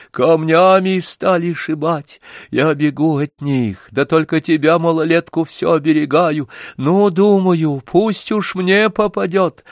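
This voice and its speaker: A man's voice: on the high side, dry recording, studio quality, voice pushed up. A man reading an audiobook voices an old village woman who mumbles and laments bitterly.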